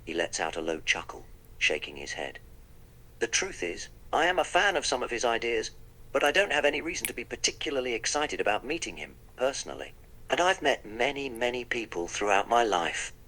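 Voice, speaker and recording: A man's voice: mid-range voice, sing-song, fairly quick, bright, forceful tone, poor audio. A man voicing the Doctor, a wry, polite eccentric time traveller, in a text-to-speech role-play that narrates his own actions.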